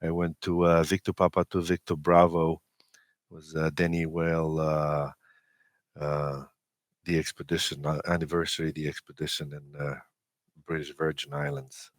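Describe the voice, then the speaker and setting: Speaking with a Romanian accent, a man in his forties who is a native Romanian speaker and an amateur radio operator shares personal stories as an interview guest. His rumbling low voice stays flat, and his hesitant delivery is full of pauses, recorded with no room sound.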